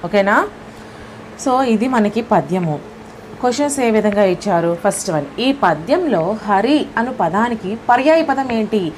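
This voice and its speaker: A woman's voice: medium pitch, animated, a little slow, darkish tone, slight background noise. Telugu-accented woman teaching, morning voice. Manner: explains step by step, often checks with "okay?". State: early-morning voice, lower than usual. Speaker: exam prep teacher. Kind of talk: online exam lesson.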